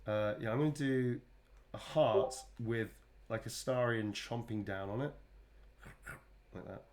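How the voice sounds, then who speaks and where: A man's voice: medium pitch, unhurried, a little mellow. Male, casual chatty read, self-deprecating and easily amused, talking while he draws. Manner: chatty and self-mocking, laughs often. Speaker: voice actor signing fan requests. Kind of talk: casual stream chat while drawing.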